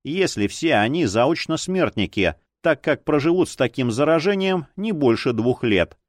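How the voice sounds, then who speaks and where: Man, audiobook narration, expressive, lively pitch, dry close recording. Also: normal speed, no room sound.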